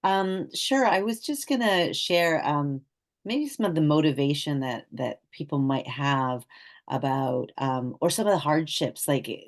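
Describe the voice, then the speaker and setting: Very low-voiced thoughtful woman. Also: a little mellow. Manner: thoughtful, hesitant with many ums. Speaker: co-author. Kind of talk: casual video talk.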